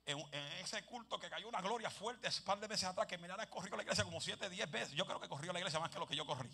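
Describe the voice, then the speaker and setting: A man preaching a lively Pentecostal sermon, telling stories and mixing in English phrases, dropping to soft asides and rising to shouts. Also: high-pitched, fast, creaky. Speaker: evangelist preacher.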